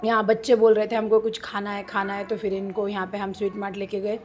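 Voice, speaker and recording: A woman in her thirties narrating a family outing in a chatty, storytelling vlog style, pausing often with fillers. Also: medium pitch, little pitch movement, background noise. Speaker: family vlogger.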